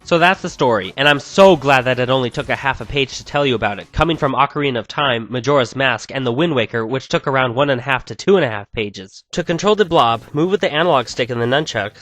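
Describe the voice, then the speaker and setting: A man's voice: medium pitch, fairly bright tone. A man reading out a scripted, enthusiastic video game review. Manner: upbeat, enthusiastic.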